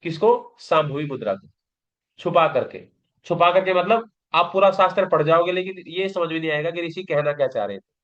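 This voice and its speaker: गुरु की तरह समझाता पुरुष शिक्षक, हल्की दबी recording. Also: male voice, on the high side, expressive, a little fast. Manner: explanatory, asks and answers own questions. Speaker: yoga teacher. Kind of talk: recorded exam-prep lecture. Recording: dull lo-fi class recording.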